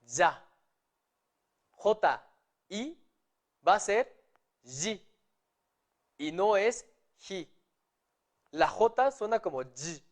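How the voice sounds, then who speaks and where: A man's voice: high-pitched, big pitch swings, extremely slow, long pauses. A man teaching a lesson, patiently spelling out syllables one at a time. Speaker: Japanese teacher. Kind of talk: online language lesson.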